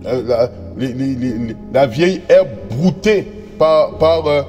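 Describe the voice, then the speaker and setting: A man preaching a sermon, reading scripture slowly and often stumbling over repeated words and fillers as he addresses his brothers and sisters. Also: medium pitch, expressive, mellow, in a large hall, faint music behind. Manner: reads verses slowly and deliberately.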